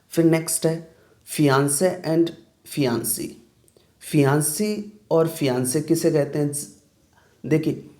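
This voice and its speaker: A young man, teaching English words in a lesson and checking each one with a quick "clear?". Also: on the high side, a little mellow. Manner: explains each word, then asks "clear?". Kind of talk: vocabulary lesson.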